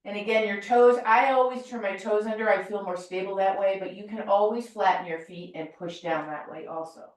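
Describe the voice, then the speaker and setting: Calm woman teaching yoga in an echoey room. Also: mid-range voice, a little fast, distant mic. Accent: American. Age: middle-aged. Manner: calm, gentle cueing of breath and movement. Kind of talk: guided yoga class instruction.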